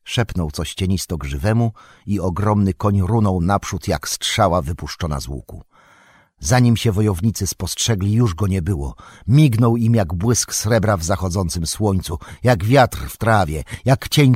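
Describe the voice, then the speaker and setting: A man narrating an epic fantasy audiobook in a measured storytelling manner. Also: low-pitched, expressive, a little mellow, breathy edge, dry recording, clean studio sound. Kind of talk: scripted narration.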